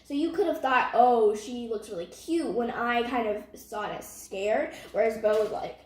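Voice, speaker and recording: Young teen female, very high voice, casual animated storyteller who voices quotes, echoey room sound. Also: moderate pace. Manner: animated retelling with acted-out quotes. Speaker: storytelling vlog co-host with parent.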